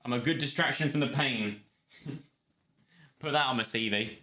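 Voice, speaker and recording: Chatty streamer, bright voice. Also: male voice, medium pitch, a little slow. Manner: rambling, chatty, thanks viewers between topics. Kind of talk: casual stream chat. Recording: roomy sound with faint music.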